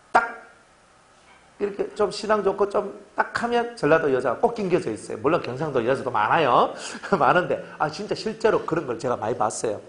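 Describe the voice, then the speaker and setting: A middle-aged man, preaching a sermon to his congregation in a lively, joking way and often asking them to agree. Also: fairly high pitch. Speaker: pastor.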